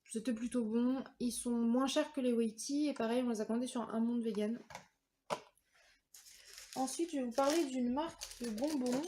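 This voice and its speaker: In her product review vlog, a thirtysomething vlogger from France talks in a relaxed, hesitant way, using plenty of fillers. She has a somewhat high voice, with a little noise in the background.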